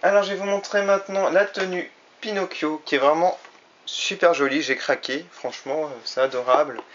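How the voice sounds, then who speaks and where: Male toy reviewer, fairly high voice, chatty and hesitant, muffled lo-fi camera mic. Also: steady tone, moderate pace, fairly bright tone, a little hiss or hum. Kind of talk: casual product review. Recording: slightly dull lo-fi recording.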